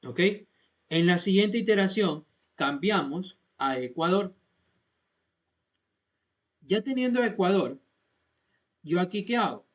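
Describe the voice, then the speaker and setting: Here the male programming instructor's voice is high and animated, his pace slow with frequent pauses. Teaching as in a classroom, he walks students through the code step by step, repeating points patiently and checking they follow along.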